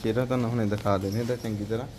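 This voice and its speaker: A young man with a Punjabi accent hosting a casual livestock sale video in a farm cattle shed, asking brisk questions. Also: lowish voice, fairly even intonation, noisy background.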